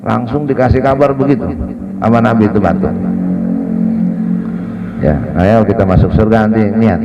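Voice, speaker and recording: A man preaches in a relaxed, joking way, stretching out his stories and dropping in Arabic phrases. His voice sits low, and the recording is dull and lo-fi. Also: heavy background noise. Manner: chatty, joking asides, drawn-out storytelling. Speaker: ustadz giving a Ramadan study. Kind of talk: casual mosque sermon with Arabic recitation. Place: mosque.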